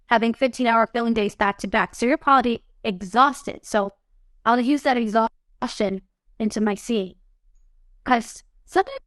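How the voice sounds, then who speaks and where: Her voice on the high side and free of echo, a young adult actress is interviewed at a studio podcast set. The conversation is casual and animated, peppered with "you know what I mean."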